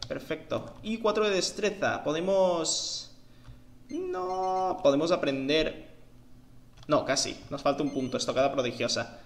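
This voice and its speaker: A man's voice: on the high side, very animated, measured pace, vocal fry, slight background noise. Chatty gamer guy. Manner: chatty, slangy, thinks aloud. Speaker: let's play gamer. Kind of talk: casual gameplay commentary.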